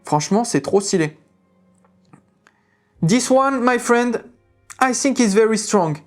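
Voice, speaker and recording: A woman with a French accent hosting a tabletop game channel, chatting through new rules with lots of fillers and halting English readings. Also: a little high, lively intonation, faint music behind. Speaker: tabletop game video host. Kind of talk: casual rules explanation to viewers.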